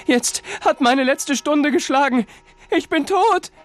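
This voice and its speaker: Frightened young villager, loud raised voice, stammering, fake bravado, as a man acts him out. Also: very high-pitched, slow pace, soft background music, voice pushed up. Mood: scared loud. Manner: stammering, forced boldness.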